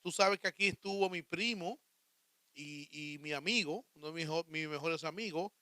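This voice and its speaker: Dominican man, radio co-host, high bright voice, loud and joking. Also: normal speed, clean tone, dry recording. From Dominican Republic. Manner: loud, joking, animated storyteller.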